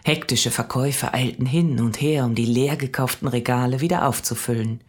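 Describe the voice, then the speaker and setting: A woman reading a children's story aloud, calm and steady. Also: a bass voice, fairly quick. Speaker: narrator.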